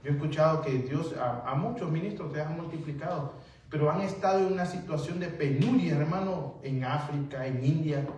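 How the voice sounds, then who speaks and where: A man's voice: a little high, fairly quick, a little mellow, a little hiss or hum. A male pastor giving a conversational sermon, often calling listeners "brother" and acting out little dialogues. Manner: keeps addressing listeners as "hermano", acts out dialogues. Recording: very echoey hall, voice from far off.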